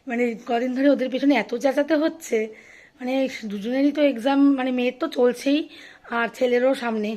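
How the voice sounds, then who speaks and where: A hoarse woman in her thirties, a mother chatting through her daily routine in a casual vlog. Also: fairly high pitch, a little mellow. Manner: chatty, addresses viewers directly. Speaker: vlogger and mother.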